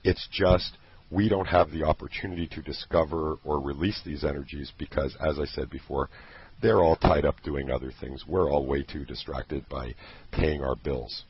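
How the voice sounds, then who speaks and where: Super deep husky guy talking up his own program, earnest and rambly, muffled lo-fi sound. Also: steady tone, normal speed. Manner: earnest, passionate, rambling with restarts. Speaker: product creator promoting his program. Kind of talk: casual promotional chat. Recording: dull lo-fi recording.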